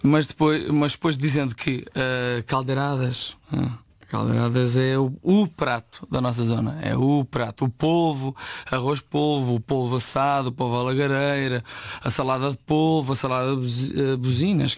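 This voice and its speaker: A man's voice: mid-range voice, fairly even intonation, normal speed, creaky, dry recording. A man from Portugal with a European Portuguese accent, a chef answering interview questions, often repeating words as he searches for them.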